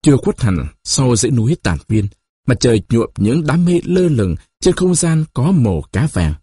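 A man narrating a novel as an audiobook, with expressive, dramatic storytelling and a husky voice. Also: mid-range voice, moderate pace, dry recording, studio quality.

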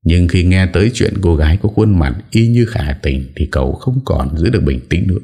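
A man reads an audiobook story aloud in a steady, storytelling way. His voice is very deep, dark, and husky. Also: normal speed. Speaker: narrator.

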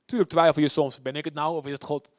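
A man preaching a sermon as pastor. His delivery is emphatic and he repeats words for effect. He swings between loud bursts and hushed, drawn-out phrases. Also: fairly high pitch, fairly even intonation, no room sound, clean studio sound.

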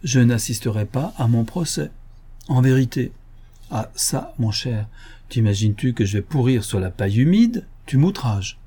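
A man voicing a suave, mocking gentleman burglar in an audiobook, ironic and self-assured, with a mellow, husky voice. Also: medium pitch, animated, moderate pace. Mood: playful.

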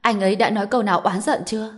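A woman's voice: medium pitch, steady tone, rapid-fire, natural voice. A woman voicing an indignant young wife. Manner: firm, indignant. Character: exasperated young wife defending her husband.

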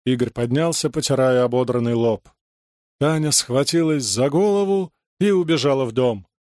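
A man narrating a story aloud in a lively, expressive reading style. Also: medium pitch, normal speed, dry recording, studio quality.

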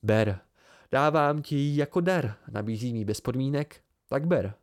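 A man's voice: mid-range voice, no room sound, clean studio sound, lightly acted. A man reading an amateur audiobook and voicing a charming, mercurial fey youth with a raised, eager voice and sudden intensity. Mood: coaxing.

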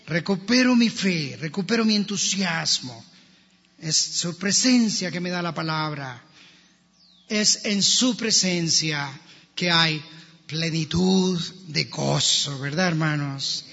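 A man's voice: a little high, pushed and bright. A male pastor preaching a sermon in a church, emphatically addressing his congregation. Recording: long church reverb, dull lo-fi sound.

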